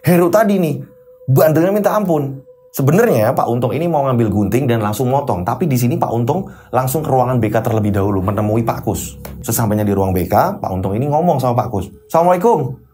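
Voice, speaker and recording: A man's voice: mid-range voice, lively intonation, fast, dark tone, faint music behind. Chatty male horror storyteller. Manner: chatty, conversational retelling. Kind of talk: casual horror story narration.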